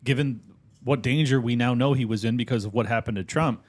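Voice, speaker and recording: Male co-host, loose and chatty, quick interjections. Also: mid-range voice, a little mellow. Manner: quick interjections, casual slang. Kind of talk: casual political chat.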